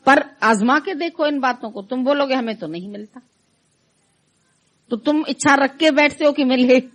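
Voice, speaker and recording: A middle-aged woman giving a conversational devotional talk, acting out her listeners' complaints in quoted voices. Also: sits high. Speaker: spiritual teacher.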